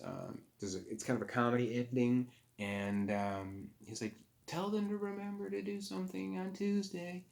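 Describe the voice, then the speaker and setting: A man with a somewhat low voice talks through a film's plot in a loose, casual review. He rambles and stops to correct himself often, with plenty of fillers along the way. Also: a little mellow. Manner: rambling, halting, with frequent fillers and self-corrections. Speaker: movie reviewer. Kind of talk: casual spoken movie review recap.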